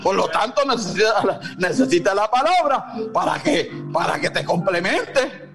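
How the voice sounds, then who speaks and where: Very high-voiced man preaching fervently. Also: big pitch swings, normal speed, soft background music. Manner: exclamatory, calls out to listeners by name; bursts into shouts. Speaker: pastor. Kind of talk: sermon.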